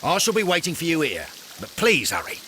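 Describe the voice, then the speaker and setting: A blustering male police inspector in a Victorian detective game. His English-accented voice is forceful and swoops emphatically, easily flustered, with faint noise behind. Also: a little high, huge pitch swings, a little fast, full character voice. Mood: brisk reporting. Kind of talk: video game cutscene acting.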